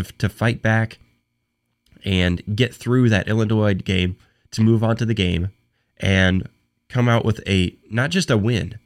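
A young man hosts a sports talk podcast by himself, his medium-pitched voice hoarse from a cold and fading. He speaks in halting bursts, frequently restarting and repeating words.

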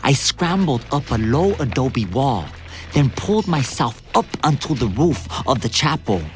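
A man narrating a dramatized audiobook in the first person, with vivid, expressive storytelling. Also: medium pitch, unhurried, soft background music. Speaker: narrator and lead actor.

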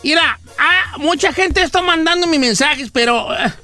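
A man's voice: extremely high pitch, normal speed, sharp tone. A man hosting a radio show, telling jokey stories with exaggerated, theatrical delivery. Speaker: radio host. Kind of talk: comedic radio banter. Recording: music playing behind.

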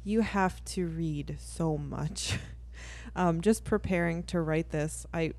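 A woman co-hosting a casual podcast, explaining points in an animated way with lots of fillers. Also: fairly low pitch, slow, no room sound. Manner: animated, laughs often, explains with many fillers. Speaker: podcast co-host.

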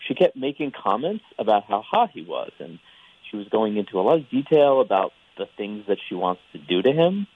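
Male caller heard down a thin phone line, halting and restarting, lively up-and-down delivery. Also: fairly low pitch. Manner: hesitant, stammering restarts. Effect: heard over a phone line on speakerphone. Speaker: radio call-in guest. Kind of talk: casual phone chat.

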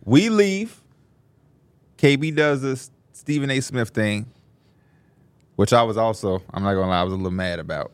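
A man co-hosting a podcast, telling a story in casual slang and jumping into high voices to quote people. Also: animated, moderate pace, long pauses, clean tone, no room sound. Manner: slangy, laughs through his stories. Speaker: podcast co-host.

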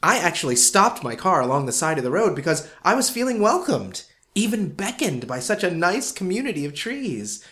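A man's voice: high-pitched, sing-song, moderate pace, fairly bright tone. An actor playing an eerily cheerful male radio host in an audio drama, sunny and relentlessly upbeat, with faint music behind him. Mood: cheerfully eerie.

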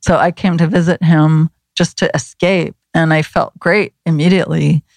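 A woman's voice: sits low, steady tone, moderate pace, gravelly, darkish tone, no echo. A woman who grew up in Los Angeles, a guest chatting casually, rambling with many fillers and restarts. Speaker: guest, flower remedy practitioner. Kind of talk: casual conversation.

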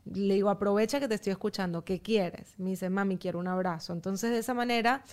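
A woman guest on a podcast, speaking calmly and in a measured way as she explains her parenting approach step by step. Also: mid-range voice. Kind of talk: casual chat.

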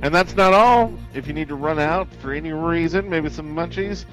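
A man's voice: fairly high pitch, normal speed, a bit bright, faint music behind, low-quality recording. A man co-hosting a gaming podcast, easygoing and cheeky as he shares a news item. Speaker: podcast co-host. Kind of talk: casual gaming podcast chat.

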